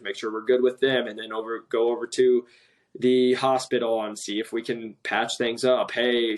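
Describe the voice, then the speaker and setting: Animated man telling a work story. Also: mid-range voice. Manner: animated storytelling, quoting others, self-described passionate. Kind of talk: casual podcast conversation. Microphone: remote call.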